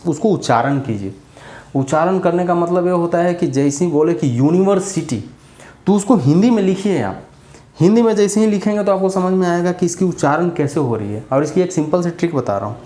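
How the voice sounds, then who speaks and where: A man's voice: a little high, a little mellow, echoey room. A man giving a casual grammar lesson, chatty and repetitive as he drills examples. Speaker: English grammar teacher.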